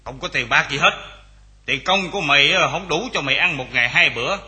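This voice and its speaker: An actor playing a stingy, bad-tempered rich old landowner who scolds and grumbles. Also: male voice, fairly high pitch, a little fast, bright, forceful tone. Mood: scolding.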